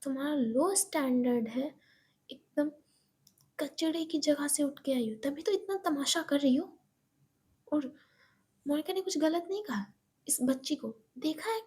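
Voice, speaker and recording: A woman's voice: high voice, expressive, moderate pace, hardly any pauses, darkish tone. A woman doing an arrogant rich mother. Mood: contemptuous.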